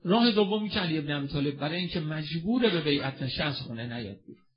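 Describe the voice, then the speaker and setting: On a muffled recording, a man with a fairly high, animated voice preaches a passionate religious sermon that also serves as a mourning recitation. He poses questions to the audience and answers them himself.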